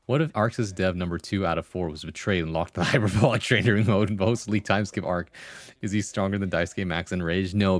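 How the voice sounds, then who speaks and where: A man with a low voice hosts a livestream in a dry, close recording. He talks casually and slangily, moving between reading comments and answering them conversationally. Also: no room sound. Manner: slangy, conversational, full of "like" and "bro". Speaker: livestream host. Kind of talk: casual chat with viewers, reading comments aloud.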